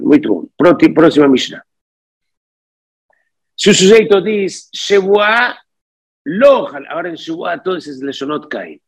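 Gravelly, husky man teaching a text. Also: fairly high pitch. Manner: reads phrases aloud, then explains them; mixes Portuguese words into his speech. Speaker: Talmud teacher. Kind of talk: text study lesson.

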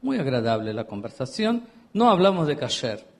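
A man who is a rabbi, giving an animated storytelling lecture. He acts out the dialogue of his anecdotes and puts questions straight to his listeners. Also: medium pitch, moderate pace. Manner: questions the audience directly.

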